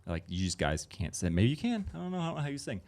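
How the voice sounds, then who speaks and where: At a live conference workshop, a music producer talks to a room full of people in a casual, rambling way, full of fillers and asides. His voice is medium-pitched and a little mellow, fast, with huge pitch swings.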